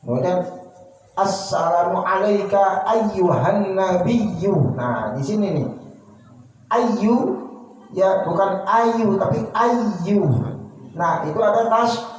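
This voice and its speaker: Religious teacher, male, higher voice, unhurried drilling delivery, distant roomy recording with faint room noise. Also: a little mellow. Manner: patient, repeats and drills each pronunciation. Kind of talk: religious study lesson. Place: prayer room.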